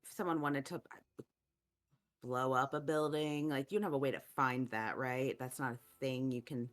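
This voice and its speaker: A woman's voice: a bass voice, steady tone, moderate pace. A woman playing a tabletop game, thinking aloud in casual chat and trailing off mid-thought. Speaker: player.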